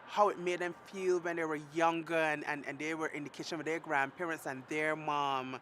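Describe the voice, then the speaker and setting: A woman from Barbados, speaking in a documentary interview, emotional and halting, laughing softly through hard memories. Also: deep voice, fairly even intonation, slight background noise.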